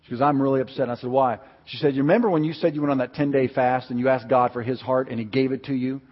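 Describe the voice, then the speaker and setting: A middle-aged man preaching a sermon as a pastor, moving from a calm telling voice up to loud, impassioned preaching. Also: medium pitch, quick pace, big-room sound, lo-fi sound. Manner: builds to impassioned, near-shouting preaching. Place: church sanctuary.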